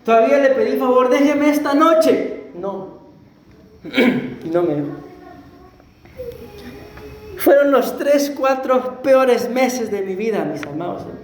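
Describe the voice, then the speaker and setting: A Costa Rican man preaching as a pastor, telling his own testimony in a conversational way, often clearing his throat and asking the congregation questions. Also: very high-pitched, expressive, a little slow, slight background noise. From Costa Rica. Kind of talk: sermon with personal testimony. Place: church sanctuary. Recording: echoey church room.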